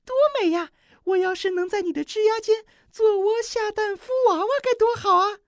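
Reader putting on a tiny yellow sparrow girl, super high squeaky voice, all wonder and begging, storybook style. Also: moderate pace, no echo, clean studio sound. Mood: amazed, pleading. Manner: squealing, pleading. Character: excited little female yellow sparrow.

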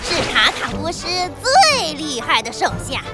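A cackling evil vine spirit. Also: female voice, high-pitched, wildly swooping pitch, normal speed. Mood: gloating. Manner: cackling, taunting. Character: evil gloating vine spirit henchman, boastful. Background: children's music.

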